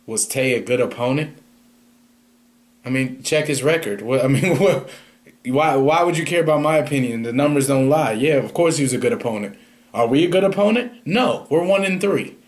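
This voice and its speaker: In a comedic parody press conference, a young man plays a coach giving cocky, defensive, rambling answers. His mid-range voice is expressive and moderately paced, captured by a large studio microphone up close in a small room.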